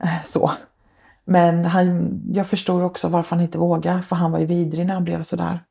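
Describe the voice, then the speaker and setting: A woman speaks low and dark, with a gravelly fry running through her words. She is a social worker who is a guest on a podcast. She tells her own past earnestly, step by step, and leans on many small fillers. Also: completely flat delivery. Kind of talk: personal account in a podcast interview.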